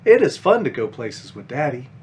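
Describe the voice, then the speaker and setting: A man reads aloud as a five-year-old big sister bunny from a picture book, eager and caring as she explains things simply to a younger child. His near-everyday voice swings lively in pitch at a moderate pace, earnest, with faint noise behind.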